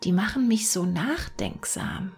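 A woman voicing a small, naive and timid female mouse in a fairy-tale reading, in a high, wondering and often half-whispered voice. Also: expressive, unhurried, darkish tone, husky, faint music behind, heavily acted. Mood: puzzled. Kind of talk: storybook reading.

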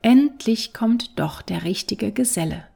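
A woman voicing a crafty wandering male fiddler in a storybook, calm and commanding with a gravelly edge. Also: medium pitch, unhurried, soft background music, exaggerated voice.

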